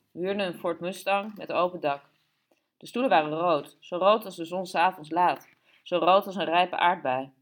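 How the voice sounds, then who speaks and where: For an audiobook, a woman with a naturally lowish voice plays a flamboyant, vain, chatty grown woman. She delivers the part in a playful, show-off way.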